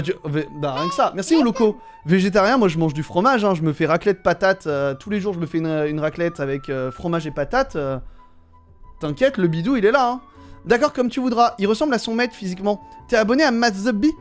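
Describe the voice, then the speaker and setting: A man streaming live, reading viewer messages aloud and commenting on them with wry jokes. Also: high voice.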